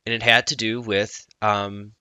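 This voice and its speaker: A man speaking as a coach in a personal vlog, earnest and reflective, often halting mid-thought. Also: on the low side, flat delivery, pushed and bright, smooth, no echo.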